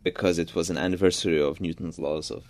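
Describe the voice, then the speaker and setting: A young pianist and composer from Georgia, a native Georgian speaker, gives thoughtful radio interview answers, often beginning his sentences again. He talks fast in a low, steady, darkish voice, recorded without echo.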